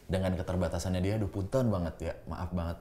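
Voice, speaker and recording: A man's voice: deep voice, fairly even intonation, quick pace, mellow. A man telling stories casually as a podcast guest, in colloquial speech that slips into quoted dialogue. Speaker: podcast guest, professional voice talent. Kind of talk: animated casual storytelling. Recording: roomy echo, light background noise.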